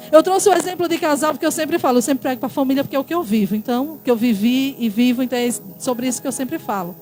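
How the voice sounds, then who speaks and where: Impassioned Brazilian woman pastor preaching. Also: sits high. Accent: Brazilian Portuguese. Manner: impassioned, shifting between loud exhortation and quiet asides. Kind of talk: sermon.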